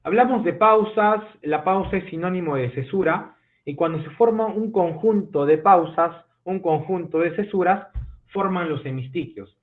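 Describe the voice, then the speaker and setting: A man's voice: high-pitched, normal speed. Man teaching over a tinny call. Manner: explanatory, checks understanding with frequent "¿no?" and "¿ya?". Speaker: literature teacher. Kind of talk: online class lecture. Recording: tinny phone-like audio from an online call.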